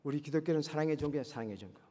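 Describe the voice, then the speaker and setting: A man's voice: a little high, rapid-fire, dark tone. A man preaching a sermon, earnestly exhorting his congregation and firing rhetorical questions at them. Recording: long reverberant hall.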